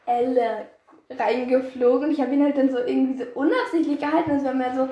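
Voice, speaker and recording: A woman's voice: high-pitched, steady tone, a little fast, highs cut off. A teenage girl co-hosting a podcast, telling stories in a rambling, giggly way with lots of fillers. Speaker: podcast co-host. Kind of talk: casual storytelling chat. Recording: echoey room.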